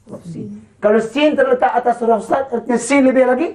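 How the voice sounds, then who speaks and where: A Quran recitation teacher with a Malaysian Malay accent, chanting slow model verses and then quickly explaining and quizzing pupils. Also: medium pitch, a little mellow. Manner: quizzing pupils with short questions. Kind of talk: classroom lesson with call-and-response.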